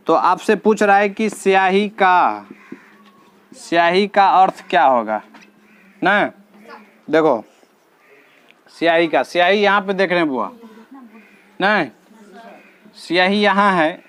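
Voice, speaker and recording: A man's voice: sits high, fairly bright tone, clean tone. A male teacher, patiently walking his students through reasoning questions in a classroom and repeating each answer.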